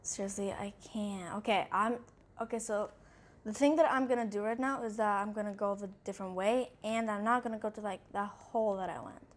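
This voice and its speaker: A woman's voice: medium pitch, fairly even intonation, fairly quick. A woman hosting her own gaming channel, playing a horror game and commenting nervously, saying over and over how scared she is as she describes what she sees. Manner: thinks aloud, narrating what she sees. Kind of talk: let's-play commentary.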